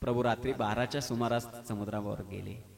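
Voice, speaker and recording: A man's voice: mid-range voice, fairly even intonation, fairly quick, gravelly. A man with a Marathi accent preaching a devotional sermon at a temple gathering, telling stories with humor and emphatic exclamations. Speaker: kirtan preacher.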